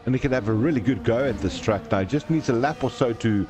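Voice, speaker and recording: A man with a mid-range voice talks fast while hosting a live sim racing stream, calling the race and joking with viewers in the chat. He's jokey and chatty and reads viewer comments aloud.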